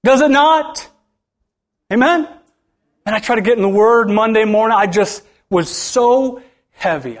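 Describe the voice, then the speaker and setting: A middle-aged man preaching a sermon in a church with a notably high voice. He swings between loud, rising lines and hushed, near-whispered ones. He often calls out to the congregation for a response. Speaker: pastor.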